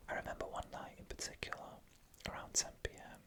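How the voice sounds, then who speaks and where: A person whispering scary first-person stories in a hushed, unvoiced ASMR narration from start to finish. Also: fast talker. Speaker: storyteller.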